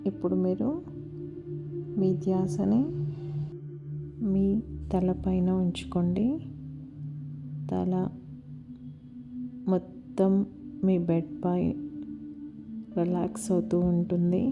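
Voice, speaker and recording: A woman slowly and softly guiding a body-scan meditation, with long pauses. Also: fairly low pitch, level tone, gravelly. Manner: slow, soft and soothing, with long pauses. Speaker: meditation guide. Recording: slightly dull audio with music behind. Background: soft music and a singing bowl.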